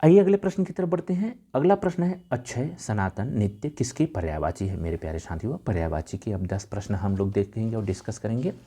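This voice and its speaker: A man's voice: fairly low pitch, a little fast, few pauses, husky. A man tutoring for a Hindi exam, reading out quiz questions and options, then explaining each answer. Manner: lively, patterned quiz reading with stressed option letters.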